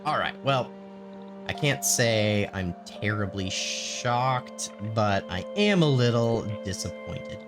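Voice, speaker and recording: A man hosting a video game let's play, thinking aloud in casual gameplay commentary with lots of pauses. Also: fairly low pitch, expressive. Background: game music.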